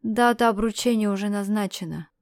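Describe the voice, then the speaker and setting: A woman's voice: medium pitch, brisk, no room sound, natural voice. A woman voicing a stern young male prince with a firm, harsh and possessive manner.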